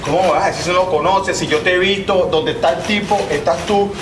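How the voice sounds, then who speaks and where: A man plays a brutal cop with a Venezuelan accent, grilling a suspect with taunts and threats. His voice sits high and rushes along. The sound is echoey, with loud noise behind it. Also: lightly acted. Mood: threatening. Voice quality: menacing, taunting. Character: brutal, mocking male cop interrogating a suspect. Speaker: police interrogator. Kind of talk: gritty web-series acting.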